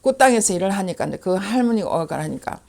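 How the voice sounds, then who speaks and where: A woman's voice: medium pitch, lively intonation, fast, creaky, darkish tone. A woman shaman with a Gyeongsang accent, telling a story in casual chat and acting out the voices of the people in it.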